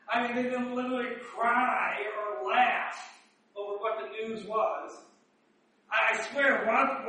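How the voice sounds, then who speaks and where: A man giving a chatty Bible teaching, asking rhetorical questions and reading verses slowly. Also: high-pitched, sharp tone. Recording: roomy echo, distant mic.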